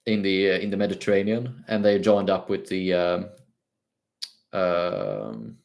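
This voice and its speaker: A man's voice: low voice, unhurried, vocal fry, darkish tone. A young Swedish man with a Swedish-tinged British accent, answering viewer questions on a casual livestream and talking hesitantly with many fillers and restarts. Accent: Swedish-tinged British English. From Sweden.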